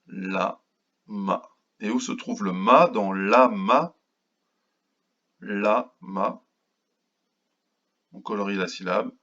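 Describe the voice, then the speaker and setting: A man teaching a phonics lesson to young children, speaking slowly and patiently and sounding out each syllable. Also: lowish voice, bright, forceful tone, husky, muffled recording. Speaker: kindergarten teacher.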